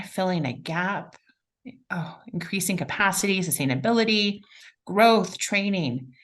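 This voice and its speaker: A woman hosting a live webinar, enthusiastically reading out chat responses. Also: fairly low pitch. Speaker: webinar facilitator.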